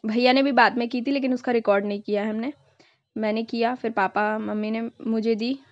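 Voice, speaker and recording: A woman's voice: fairly high pitch, steady tone, fairly quick, no room sound, muffled recording. A young woman vlogger narrating her family's festival video in a casual, chatty way, dropping in English words now and then.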